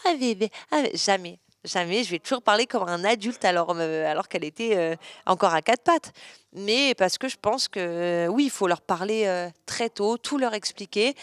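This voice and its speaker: A woman's voice: medium pitch, no room sound. A young woman answering interview questions in an open, chatty way, with frequent fillers and restarts. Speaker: interview guest.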